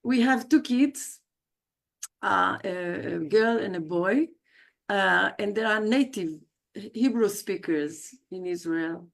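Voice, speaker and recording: A leadership coach from South America introduces herself as a guest speaker in a livestreamed video call, chatting personally while often hesitating and correcting herself. She has a medium-pitched, creaky voice and takes her time.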